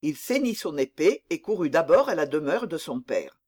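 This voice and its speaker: An expressive narrator reads a classic novel aloud in a steady literary delivery. The pitch rises and falls with lively movement. Each long sentence is shaped with care. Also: normal speed.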